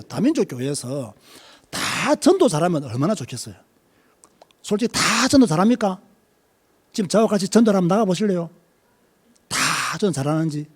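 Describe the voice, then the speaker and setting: Lively Korean preacher. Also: male voice, high voice, husky. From Korea, Busan. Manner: lively preaching, questions to the congregation. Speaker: pastor. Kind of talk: sermon.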